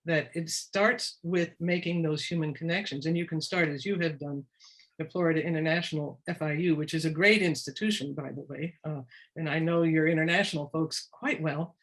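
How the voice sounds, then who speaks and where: A woman's voice: low voice, normal speed. A woman presenting in a webinar as an education expert, speaking encouragingly and often restarting mid-sentence. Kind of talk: webinar discussion.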